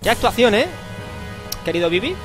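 Spanish guy with a spanish accent, bit high voice, playful slangy lets-play chatter, quiet game music under it. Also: big pitch swings, normal speed. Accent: Spain. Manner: playful, slangy, jokes and exclaims while playing. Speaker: let's play host. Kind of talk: casual gameplay commentary. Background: faint game music.

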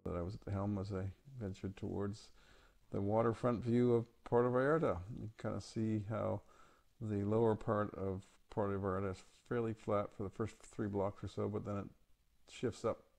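A man giving a casual, halting voice-over for his holiday photos, with many ums and uhs. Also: on the low side, fairly even intonation, gravelly, darkish tone. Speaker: travel vlog narrator.

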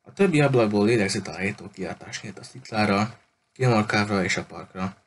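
Guy reading a kids' novel aloud, low voice, steady, stumbles on a word now and then. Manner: steady, slightly hesitant reading with small slips. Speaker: audiobook reader. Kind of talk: audiobook narration.

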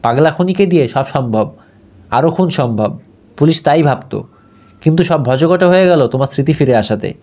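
A man's voice: on the high side, lively intonation, moderate pace, mellow. A man voicing a deranged, vengeful young male killer with a menacing manner in a storybook reading. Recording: dull lo-fi audio.

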